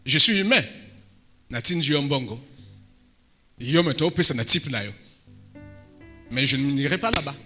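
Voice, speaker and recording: A man preaching a sermon as pastor, breaking into sudden loud emphatic bursts and dropping in Lingala phrases. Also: medium pitch, normal speed, long pauses, faint music behind.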